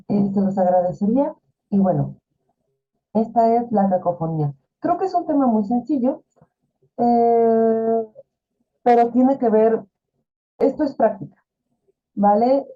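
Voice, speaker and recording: A woman's voice: mid-range voice, slightly rough. A woman teaching an online class, explaining in a chatty way with fillers and rhetorical questions. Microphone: video call. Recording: tinny phone-like video call audio.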